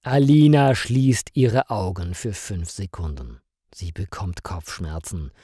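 A man reading a story aloud slowly and clearly for language learners, in a scripted narration style. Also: sits low, warm tone, no room sound, clean studio sound. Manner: slow, clearly articulated reading.

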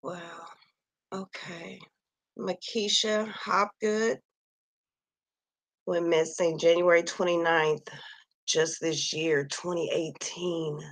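Reading names from a missing persons list, a woman at home near Kansas City talks softly and slowly into a computer mic, sighing and musing aloud during a casual screen-share. Her voice is low, gravelly and slightly husky, worn down as she loses it, though her tone holds steady. The dry, close recording carries no room sound.

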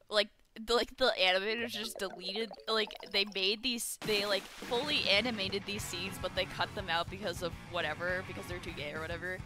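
Excitable woman chatting while gaming. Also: mid-range voice. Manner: rambling, excitable, shouts at the game. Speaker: gaming streamer. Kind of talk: casual gaming chat with viewers. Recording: game music behind her voice.

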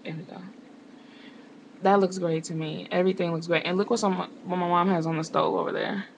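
A woman's voice: fairly low pitch, steady tone, fairly quick, gravelly, slight background noise, rough recording. A young woman vlogging from home, chatting casually to camera with rambling, sarcastic asides. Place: home indoors.

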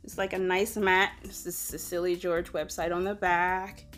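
A woman's voice: lowish voice, level tone, moderate pace, a bit bright, faint music behind. A young woman chatting casually at home as she reviews and tries a beauty product, with self-deprecating fillers. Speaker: beauty vlogger.

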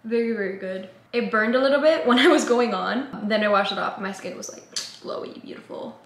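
A bubbly woman in her twenties chats casually to camera for her vlog, saying "like" constantly. Her voice is a little high and brisk, echoing in the small room at home where she records.

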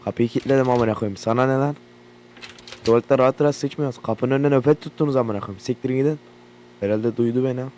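A young man from Turkey talks fast at a medium pitch while playing a horror game for his YouTube audience. His commentary is loud, profane and jumpy, and a generator hum from the game plays behind it.

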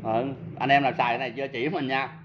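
A man's voice: medium pitch, level tone, racing, muffled recording, slight background noise. A man with a southern Vietnamese accent, a seller of used power tools, giving a casual product demo and talking straight to his viewers in a chatty, self-mocking way.

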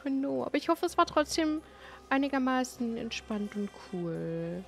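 A woman's voice: high-pitched, sing-song, normal speed, vocal fry. A woman streamer giving casual, playful and chatty commentary while she plays a video game. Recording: faint game music behind. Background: faint music from the game.

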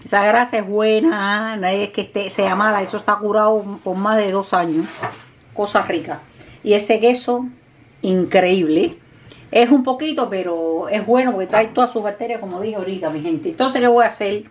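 A woman with a Cuban Spanish accent, chatting warmly to her viewers while cooking in her home kitchen, calling them "mi gente". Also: mid-range voice, moderate pace, slight background noise. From Cuba. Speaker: cooking vlogger. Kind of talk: casual cooking vlog talk to viewers. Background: dishes, pots and pans clattering.

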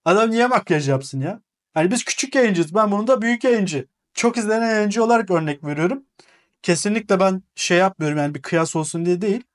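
Man, high voice, casual rant, exasperated, lecturing tone, repeats words for emphasis. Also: lively intonation, a little fast. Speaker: gaming channel host. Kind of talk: casual monologue replying to comments.

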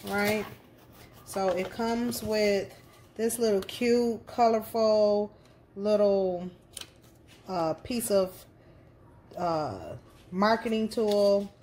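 Woman, casual vlog host, chatty and slangy, easygoing slow delivery. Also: mid-range voice, a little mellow, slight background noise. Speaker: crafting channel host.

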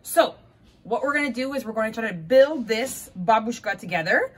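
A young woman with a voice on the high side, animated and at a moderate pace, demonstrates backyard water games for kids outside. Jokey and bubbly, she laughs often as she leads the activity.

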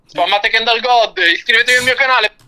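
A man's voice: extremely high pitch, a little fast, crowd noise. A man calling in over a phone on speakerphone, playfully begging in casual chat. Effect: heard over a phone on speakerphone. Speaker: caller.

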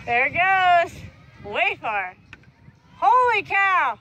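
A woman behind the camera, excited and exclaiming, her voice high and swinging widely in pitch. She speaks slowly and sounds bright and sharp. Faint noise sits behind her. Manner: excited and exclaiming, with loud laughs. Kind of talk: casual commentary behind the camera.

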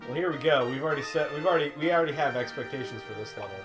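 A young man co-hosting a let's play, goofy and excitable, bursting into hype and laughter. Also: on the high side, rapid-fire. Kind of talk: casual gameplay chat. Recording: game music loud under voices. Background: game music.

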